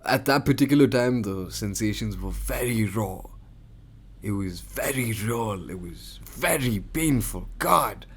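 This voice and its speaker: A young man hosting a solo podcast, talking candidly and rambling, swinging between loud bursts and murmured asides. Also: lowish voice, lively intonation, measured pace, slight background noise. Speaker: podcast host. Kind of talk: reflective solo podcast monologue.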